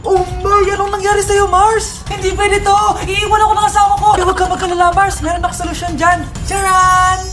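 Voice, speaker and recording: High-pitched woman acting out comic skits. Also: level tone, fairly quick, few pauses. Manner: shrieky, exaggerated skit acting. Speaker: comedy skit creator. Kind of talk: comic skits playing every role. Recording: roomy echo with background music.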